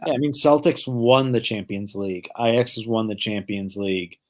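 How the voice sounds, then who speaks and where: A man's voice: fairly low pitch, moderate pace. Laid-back, hedging male co-host. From Detroit area, United States. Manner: casual, hedging, swears, many fillers like "like". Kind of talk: casual live-stream chat.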